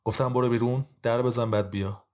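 A man voicing a stern, impatient male judge who questions in brisk, curt sentences. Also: on the low side, level tone, lightly acted.

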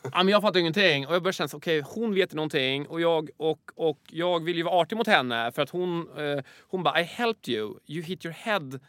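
A man's voice: a little high, no echo. A man casually telling a funny anecdote, acting out the people in it and laughing often. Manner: animated, acts out quoted voices, laughs often. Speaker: storyteller.

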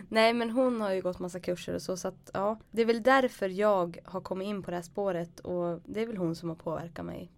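A young woman tells a personal ghost story in a relaxed, casual conversation. She is animated and slips into her own past voice for the dialogue. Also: on the low side.

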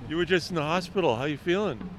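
A man's voice: on the high side, animated, fast talker. A man working as a field reporter, chatting and interviewing people outdoors by a road. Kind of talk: on-location interview. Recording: clear outdoor traffic noise.

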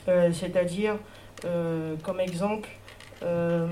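Mellow-voiced woman from French Guiana. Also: on the low side, fairly even intonation, a little hiss or hum. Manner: halting, many fillers. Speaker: artist, workshop spokesperson. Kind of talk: spoken report to a group.

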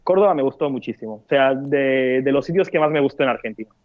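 A man from Spain talking as a guest on a casual podcast, animated and quick to laugh and swear. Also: medium pitch, no echo, phone-quality sound.

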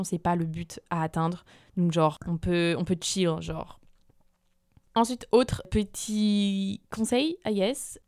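A woman's voice: mid-range voice, darkish tone, dry recording, clean studio sound. A young adult woman hosting a casual advice podcast, talking in a chatty, slangy way full of fillers. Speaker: podcast host.

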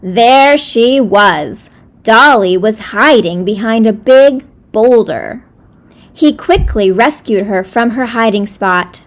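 Gentle woman reading a children's story. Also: a little high, lively intonation, takes it slowly.

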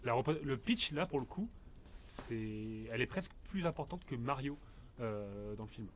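A man's voice: mid-range voice, animated, moderate pace, slight background noise. A man co-hosting a casual podcast chat, enthusiastic and full of hesitations, recorded in a mountain refuge. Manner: enthusiastic, hesitant with many fillers. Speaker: podcast co-host.

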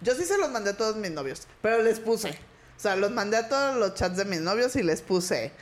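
A woman's voice: mid-range voice, big pitch swings, moderate pace. A woman co-hosting a casual podcast, chatting, explaining and chiming in conversationally. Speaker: podcast co-host.

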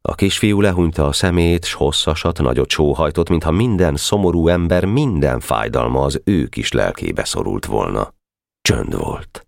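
A man reading an audiobook with expressive storytelling, slowing down for quiet moments. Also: a bass voice, creaky, no echo, clean studio sound. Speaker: audiobook narrator. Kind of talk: scripted audiobook narration.

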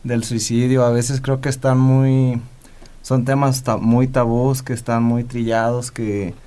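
A man's voice: medium pitch, little pitch movement, measured pace, dark tone, clear, resonant tone. A man speaking in an earnest, reflective way during a casual podcast conversation.

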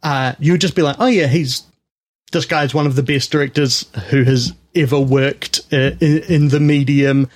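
A man's voice: medium pitch, steady tone, moderate pace, hardly any pauses. A man co-hosting a film podcast, chatting casually in a rambling, jokey way with frequent restarts. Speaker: podcast co-host.

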